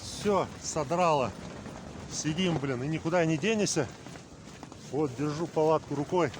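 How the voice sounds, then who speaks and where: A man's voice: on the high side, measured pace. A man casually narrating a fishing vlog out in strong wind, with gusts hitting the microphone. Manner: speaking outdoors or in a tent in strong wind. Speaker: fishing vlogger. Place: frozen lake, out in wind and in a flapping tent. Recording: loud wind buffeting the mic.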